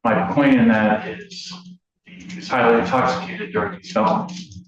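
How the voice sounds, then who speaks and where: A man's voice: mid-range voice, steady tone, moderate pace, crowd noise. Distant man on a courtroom recording. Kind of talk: courtroom argument. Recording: echoey courtroom, distant, dull audio.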